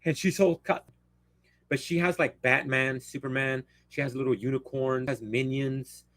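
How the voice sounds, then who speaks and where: A man hosts a casual live stream, speaking at normal speed in a mid-range, somewhat bright voice with fairly even intonation. Spanish is his first language, and he rambles, interrupts himself and doesn't mince words, all captured dry and close without echo.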